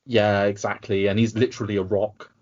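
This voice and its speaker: Low-voiced British man, rambling and sarcastic. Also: level tone, brisk, dull audio. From United Kingdom. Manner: rambling, sarcastic, with frequent restarts. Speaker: podcast guest. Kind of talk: casual podcast chat.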